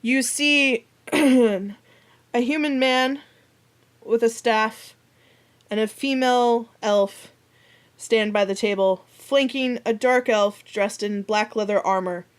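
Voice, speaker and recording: A woman's voice: a little high, slow. A woman acting as game master, narrating a tabletop role-playing session in conversational speech.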